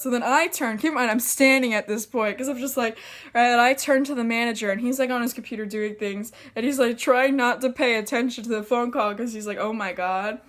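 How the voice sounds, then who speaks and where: A young woman tells a story in a casual, rambling way. She swears often and leans on fillers. Her voice sits a little high. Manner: chatty, profane, full of fillers. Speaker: vlogger.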